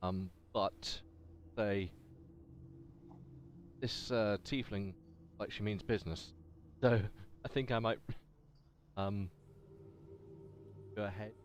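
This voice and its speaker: A man speaks as a tabletop game player in a low voice. He is slow and hesitant, with faint noise on the recording. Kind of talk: casual game chat.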